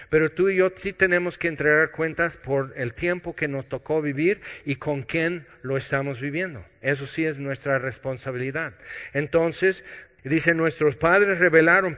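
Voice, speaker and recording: A man preaching a sermon, swinging between loud emphasis and quiet intimate asides. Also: a little high. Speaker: pastor. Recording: dull lo-fi audio with long hall reverb.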